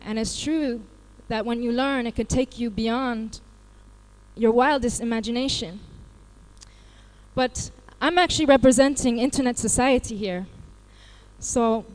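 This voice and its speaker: An American woman from Los Angeles, California, works in IT support and is presenting a live workshop, keeping it interactive by putting questions to the audience. Her voice sits fairly high and she speaks unhurriedly, though the recording quality is low.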